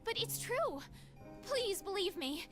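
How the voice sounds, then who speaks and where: A woman's voice: very high voice, sing-song, takes it slowly, over music, exaggerated voice. A woman playing a fragile, frightened young woman who pleads in a video game drama. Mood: anxious pleading.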